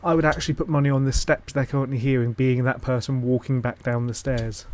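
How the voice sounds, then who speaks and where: A man's voice: mid-range voice, flat delivery, fast talker, a little mellow. A man giving casual, skeptical commentary while watching a ghost-hunting show, blunt and swearing now and then. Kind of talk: casual live-stream commentary.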